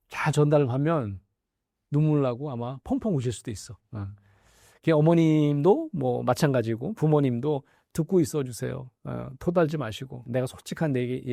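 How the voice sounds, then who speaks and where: A middle-aged man, a professor, explaining things in a conversational interview, lively and full of small affirming fillers. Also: mid-range voice, gravelly, dry recording, studio quality. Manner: lively, acts out quoted dialogue, frequent affirming fillers. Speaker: professor guest.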